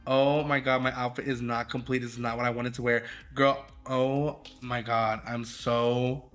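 A man's voice: mid-range voice, flat delivery, normal speed, a bit bright, faint music behind. A man, a drag queen host, giving sassy, dramatic, shady live commentary while judging a game fashion show.

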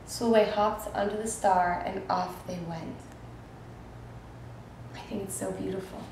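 Woman teacher, gentle storybook read-aloud, talks to the kids; very echoey room, faint hiss. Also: mid-range voice, takes it slowly. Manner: gentle, expressive, asks listeners questions. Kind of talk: children's picture book read-aloud.

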